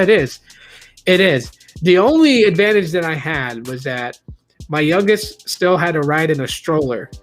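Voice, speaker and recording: Man, late 30s, streamer host: candid, rambling chat, voice pitched a bit high, soft music under him. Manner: rambling, candid, many restarts, reads chat aloud. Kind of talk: casual live-stream chat.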